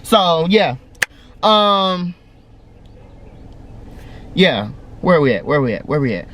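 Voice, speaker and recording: An animated young man, chatting straight to his viewers in a storytime vlog. His pitch leaps up and drops as he retells the drama, and he laughs often and calls his viewers y'all. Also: slow, a little hiss or hum. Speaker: vlogger.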